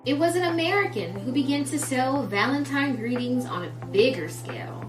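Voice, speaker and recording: A woman hosts a children's story time, reading a picture book aloud with deliberate phrasing and speaking directly to her young listeners. Her voice sits high and is animated. The recording is roomy with a distant mic, and music plays underneath.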